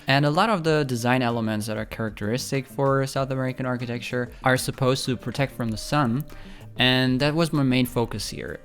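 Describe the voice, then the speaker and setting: A man hosting a home-building game video, talking casually over the footage with a friendly, apologetic manner and many ums. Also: medium pitch. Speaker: speed-build video host.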